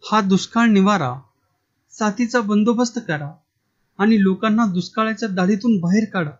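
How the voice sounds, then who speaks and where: A man voicing a defiant middle-aged village official who speaks forcefully and indignantly. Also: high-pitched, normal speed, lightly acted. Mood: stern. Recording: dull lo-fi recording.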